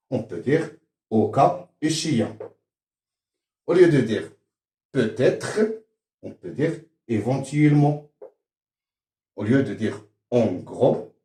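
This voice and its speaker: Male lesson host, unhurried and methodical, dark mellow voice recorded in a reverberant room. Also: medium pitch. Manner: measured, listing phrase pairs one after another. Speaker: French teacher, channel host. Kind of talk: slow scripted language lesson.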